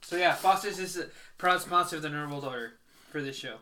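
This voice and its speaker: A man's voice: a little high, brisk, bright, forceful tone, slight background noise. A man hosting a podcast in casual chat, loose and swearing, laughing often. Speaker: podcast host.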